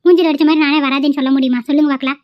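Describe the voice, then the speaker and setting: A woman with a Kongu Tamil accent voicing a sharp-tongued, argumentative village housewife in a cartoon. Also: high voice, steady tone, racing, dry recording, lightly acted. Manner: argumentative, retorting. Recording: dull lo-fi audio.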